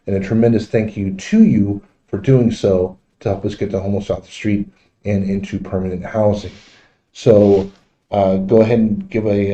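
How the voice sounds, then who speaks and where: A man hosting a casual, unscripted livestream, speaking in a halting, repetitive way, recorded in dull, muffled audio. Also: fairly low pitch, dark tone. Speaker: livestream host.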